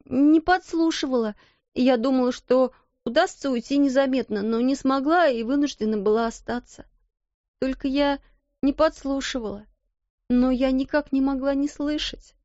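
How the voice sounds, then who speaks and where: A timid, tearful young scullery maid pleads in a high, trembling voice, stumbling over her words, as a woman reading a storybook puts her on. The sound is muffled and dry, with no room around it. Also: fairly even intonation, normal speed, darkish tone, no room sound, natural voice. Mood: frightened pleading. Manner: pleading, tearful, breathless apologies. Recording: dull, dry lo-fi recording.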